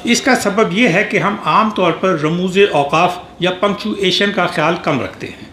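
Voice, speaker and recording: A man's voice: sits high, a bit bright. Man giving a formal tribute in an echoey hall. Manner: measured, formal reading with small restarts. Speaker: speaker at a memorial gathering. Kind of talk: formal prepared tribute speech. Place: reception hall at an embassy. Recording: echoey hall with faint background noise.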